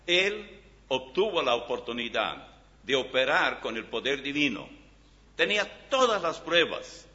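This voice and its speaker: A man preaching a sermon in Spanish and reading Bible passages aloud, with emphatic swings in loudness. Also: medium pitch. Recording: dull reverberant hall recording.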